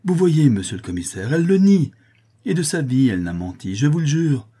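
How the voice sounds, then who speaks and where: Storybook figure: an anguished aging artisan father, husky and mellow but raised and insistent, read by a man. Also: medium pitch, expressive, normal speed, voice pushed up. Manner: pleading, agitated, raised voice.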